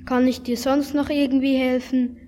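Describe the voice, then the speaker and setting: A woman's voice: high voice, flat delivery, moderate pace, dark tone, a little hiss or hum, natural voice. A woman reading a doubtful schoolboy. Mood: reluctant. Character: schoolboy, skeptical and reluctant. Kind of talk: storybook reading.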